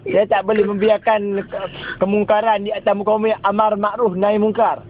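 A very high-voiced man with a Kedah accent from northern Malaysia delivers a taunting, preachy telling-off. It comes through tinny and phone-like from inside a vehicle, with some noise around him. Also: little pitch movement, fairly quick. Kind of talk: mock sermon and scolding in casual street talk.

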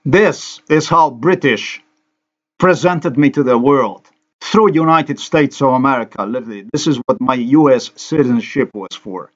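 A man's voice: mid-range voice, normal speed, dull audio. A man from Slovenia, a native Slovenian speaker, giving an angry, accusatory, repetitive monologue over a screen recording.

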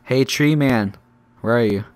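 A man's voice: mid-range voice, unhurried, a little mellow. A teenage boy from Texas, chatting casually and rambling brashly while playing a game. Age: teens. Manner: rambling, brash and joking, swears a lot. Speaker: gaming channel host. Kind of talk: casual gaming chat.

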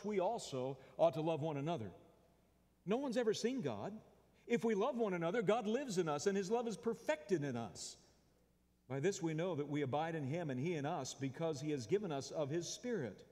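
A pastor with an Oklahoma American accent delivering a folksy, conversational sermon with call-and-response. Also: male voice, sits high, animated, moderate pace, a little mellow. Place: large church sanctuary. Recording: long church-hall reverb.

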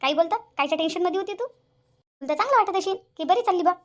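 A woman's voice: high voice, racing, natural voice. A woman voicing a bossy, sarcastic older mother-in-law in a cartoon, with a nagging, scolding way of talking. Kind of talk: cartoon voice acting.

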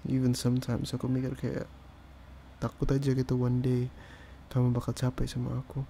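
Soft-spoken man in whispered role-play. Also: medium pitch, monotone, normal speed, gravelly, a little hiss or hum. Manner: soft, gentle comforting tone; hushing and soothing. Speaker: ASMR performer.

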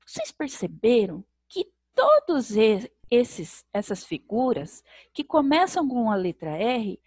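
Slow, lively Brazilian teacher woman. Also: on the high side, no echo. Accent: Brazilian Portuguese. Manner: slow, sing-song, sounds out syllables with diminutives. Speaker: primary school teacher. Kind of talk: recorded video lesson for young children.

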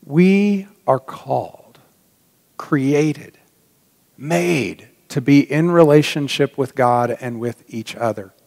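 A man's voice: medium pitch, lively intonation, takes it slowly, vocal fry, a little mellow. A middle-aged man preaching a sermon from a church pulpit, earnest and reflective, dropping to a near-whisper on key points. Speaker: pastor. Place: large church sanctuary. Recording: long reverb of a church hall.

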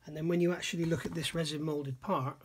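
In a casual hands-on kit review at an indoor workbench, a middle-aged man thinks aloud about a scale model kit, musing, admiring and often questioning himself. His voice runs on the high side, steady in tone and quick, with a faint hiss or hum audible.

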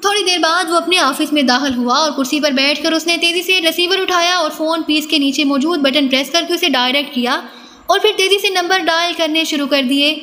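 High, bright-voiced woman narrating a thriller. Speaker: audiobook narrator. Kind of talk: scripted narration. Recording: long reverb, faint noise.

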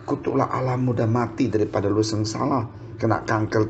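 A man's voice: mid-range voice, fairly even intonation, fairly quick, darkish tone, voice pushed up, lightly acted. A male pastor voicing Job's exasperated, mocking wife in a sermon. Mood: scornful. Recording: dull lo-fi sermon recording.

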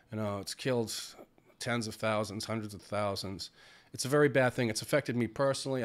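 A man's voice: on the low side, clean tone. A middle-aged man, sounding congested from a cold, talking in a rambling, conversational vlog style with plenty of filler words. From United States. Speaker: vlogger. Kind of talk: casual vlog chat.

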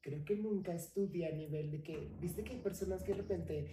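A woman's voice: on the low side, a little fast, dark tone, slight background noise. A young adult woman from Colombia, telling her story expressively as a podcast guest in a casual interview. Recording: roomy, slightly distant mic.

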